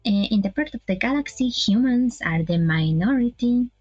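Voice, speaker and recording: A young woman streamer reading a visual novel aloud, halting over words and adding laughing asides. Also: on the high side, expressive, darkish tone, dry recording, lo-fi sound, faint music behind.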